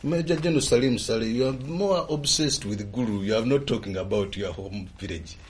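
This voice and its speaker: A man's voice: mid-range voice, a little fast, a little hiss or hum. A man with a Ugandan accent co-hosting a radio interview, challenging the guest. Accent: Ugandan English. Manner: probing, challenging. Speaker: radio co-host.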